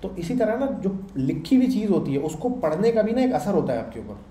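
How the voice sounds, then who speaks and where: With a high, mellow voice full of big pitch swings, a man teaches a programming class fairly quickly in a relaxed lecture style. He checks in conversationally with "samjh rahe ho" and "theek hai," recorded in an echoey room with a faint hum.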